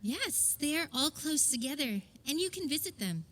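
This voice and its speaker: A woman playing a calm, patient mother in a staged concert reading of a musical, speaking gently and reassuringly. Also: sits high, moderate pace. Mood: gentle.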